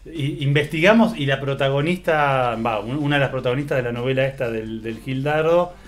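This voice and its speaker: A man's voice: mid-range voice, brisk. A man from Argentina hosting a reaction video, chatting casually and stumbling over names. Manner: relaxed, stumbles and repeats words.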